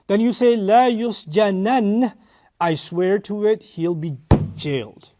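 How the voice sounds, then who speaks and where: A man giving a tafsir lecture, explaining Arabic grammar with animated rises in emphasis, on a lapel mic. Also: sits high, unhurried. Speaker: Quran teacher.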